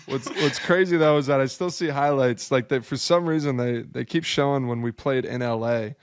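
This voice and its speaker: A man's voice: medium pitch, moderate pace, dry recording, studio quality. A young man from upstate New York, a basketball player talking as a guest on a video-call podcast, easygoing and chatty. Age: young adult. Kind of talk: casual podcast conversation. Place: home studio room. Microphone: headphones with large studio mic, video call.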